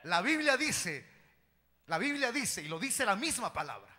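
A man with a Salvadoran accent preaching an evangelical sermon as pastor, telling stories with animation and sudden shouted bursts in a church hall. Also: high-pitched, big pitch swings, unhurried. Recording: long reverb of a church hall.

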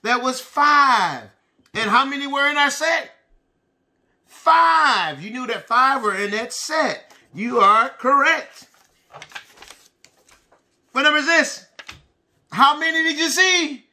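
A middle-aged man teaching young children, animated and encouraging, using simple repeated phrases and questions as if talking to toddlers. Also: very high-pitched, takes it slowly, pauses often. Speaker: preschool and kindergarten teacher. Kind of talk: children's lesson addressed to young pupils. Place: small indoor room with bookshelves.

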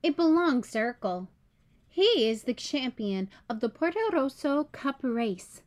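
Her voice sits high as she narrates a children's picture book with measured pacing. The storybook reading is clear, simple and full of expression.

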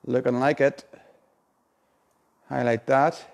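A man of about forty hosts a live draw in an informal, chatty way. His voice sits at a medium pitch, heard a few feet from a phone camera indoors. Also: level tone, takes it slowly, vocal fry. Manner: chatty, colloquial. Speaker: competition draw host. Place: indoor showroom unit with a car and screen.

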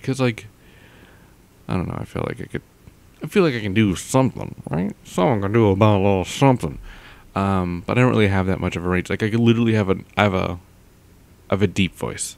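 Speaking fast with lively intonation, this young man has a fairly low, creaky, darkish voice. He's an audio vlogger at home, meandering into a close pop-filtered mic, full of fillers and thoughts that trail off.

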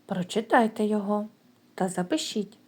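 A woman kindergarten teacher giving a recorded lesson to young children, sounding out words slowly and clearly. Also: mid-range voice, a little mellow.

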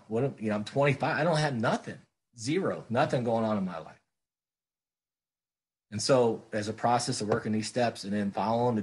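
A middle-aged man sharing his story at a recovery meeting. His voice sits low and a little husky, and he talks in an earnest, plainspoken way, circling back to the same phrases to drive them home. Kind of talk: speaker-meeting share.

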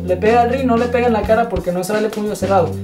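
Casting: young male video host, highish voice, casual comic monologue over loud guitar music. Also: very fast. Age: young adult. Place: indoors before a painted backdrop.

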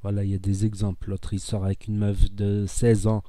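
A man with a southern French accent from Narbonne speaks in a very dark, deep-toned voice, rambling earnestly through a casual monologue as a content creator. He repeats phrases for emphasis and gets heated. The sound is dry and close, with no room echo. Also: monotone, fairly quick. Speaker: social media content creator.

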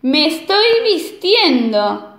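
A woman's voice: high-pitched, sing-song, slow, fairly bright tone, full character voice. A woman voicing a vain, fussy male wolf from a children's story, showy and pleased with himself, recorded in an echoey room. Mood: self-satisfied.

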